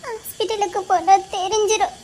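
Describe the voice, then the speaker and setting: A very high, thin voice belonging to an anxious young wife, played by a woman who talks in a soft, pleading way with a Tirunelveli Tamil accent. Her voice keeps breaking with tears, yet she stays firm. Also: steady tone, moderate pace, a little hiss or hum. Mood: tearful pleading. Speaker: actor. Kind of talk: melodramatic web-series acting.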